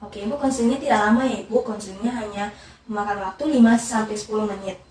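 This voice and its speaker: Fast, polite customer service woman in echoey room. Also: mid-range voice, steady tone, darkish tone. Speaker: pharmacist in a student counseling role-play. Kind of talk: rehearsed customer service role-play. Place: echoey indoor room, away from the mic. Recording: echoey room, distant mic, faint noise.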